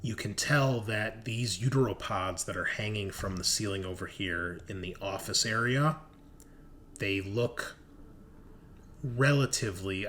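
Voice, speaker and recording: This game master has a lowish, fairly bright voice and narrates a tabletop roleplaying session in a conversational way, dropping casual swears. A little background noise can be heard.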